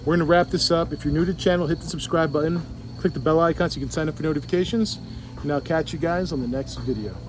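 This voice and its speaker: With background noise around him, a fast-talking man with a Puerto Rican accent vlogs beside a resort pool, camera in hand. His pitch is fairly high, and he rambles through his travel chat with fillers and restarts.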